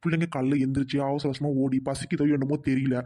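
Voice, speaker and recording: A woman plays a bold, defiant village mother in a comedy skit, her voice low. She speaks fast and bluntly. She has a rural Trichy Tamil accent. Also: little pitch movement, warm tone. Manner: blunt, outspoken, quick-talking.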